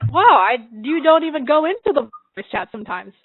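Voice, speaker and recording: A woman's voice: sits high, lively intonation, brisk, dry recording. Chatty woman streamer with a tinny sound. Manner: chatty, laughs often, talks while drawing. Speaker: livestream host drawing. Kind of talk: casual livestream chat. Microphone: computer mic she adjusts. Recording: narrow phone-like sound.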